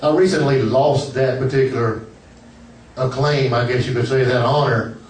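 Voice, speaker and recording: An older man doing a stand-up set in a comedy club, nervous and self-deprecating, with a halting delivery. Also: medium pitch, fairly even intonation. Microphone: camera out in the audience. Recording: roomy club, distant camera mic, laughing crowd. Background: audience laughter.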